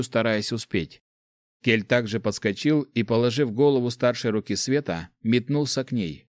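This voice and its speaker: A man narrating a fantasy audiobook in a measured, even reading. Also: mid-range voice, dry recording, studio quality.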